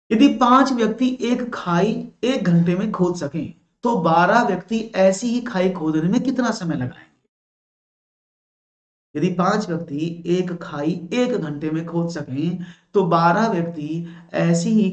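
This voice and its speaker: A male maths teacher from India leading a live online exam-prep class, praising answers and explaining each step patiently. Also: a little high. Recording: roomy, dull lo-fi sound.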